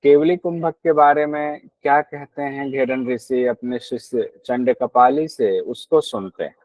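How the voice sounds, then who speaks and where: A man's voice: mid-range voice, steady tone, unhurried, a little mellow, dry recording, poor audio. A man teaching a class on a yoga text, explaining patiently, repeating key points and asking his students questions.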